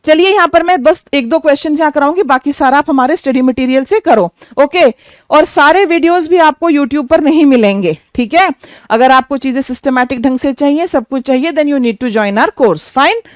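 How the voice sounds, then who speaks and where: A high, bright-voiced woman teaches English vocabulary in a Hinglish classroom lesson. She quizzes students, often checks with "okay" and "clear," and slows down to spell and define words in English.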